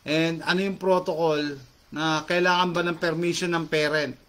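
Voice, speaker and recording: A man's voice: on the high side, little pitch movement, moderate pace, a bit bright. A middle-aged man chatting casually to viewers as host, reading out comments and mixing English phrases into his Tagalog with frequent fillers. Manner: talkative, mixes English into Tagalog, many fillers.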